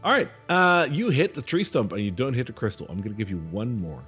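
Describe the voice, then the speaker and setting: A man's voice: medium pitch, very animated, fast talker, fairly bright tone, faint music behind. A man acting as game master, improvising narration for a tabletop game and addressing the players conversationally.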